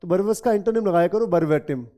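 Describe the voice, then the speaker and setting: A middle-aged man with a Hindi accent teaches an English vocabulary lesson in a high-pitched, warm voice at a normal pace. He addresses his students as children and says the key words over and over.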